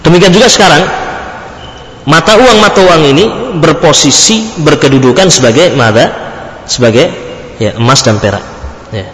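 A man's voice: a little high, lively intonation, moderate pace, long pauses, fairly bright tone. Man teaching in an echoey mosque hall. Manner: quizzes listeners with fill-in questions, then answers them; Arabic terms sprinkled in. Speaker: Islamic religious teacher. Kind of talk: classroom-style religious lecture.

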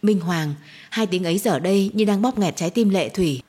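A woman narrating a dramatic audio story in a steady storytelling voice. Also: medium pitch, brisk, slightly rough.

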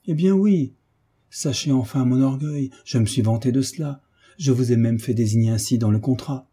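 A man reading the part of a kind, fatherly hunchbacked nobleman in a gentle, coaxing way. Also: medium pitch, moderate pace, breathy edge, lightly acted. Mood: coaxing, tender.

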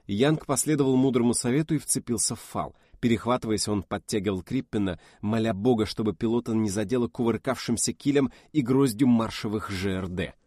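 A man narrating a science-fiction audiobook in a dramatic, measured way. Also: fairly low pitch, warm tone, no room sound, clean studio sound.

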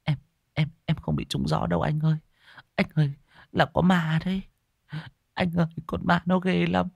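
A man voicing a young woman student, frightened and tearful, speaking in high, breathless, stammering pleas. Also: lively intonation, normal speed, no room sound, muffled recording. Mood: tearful pleading.

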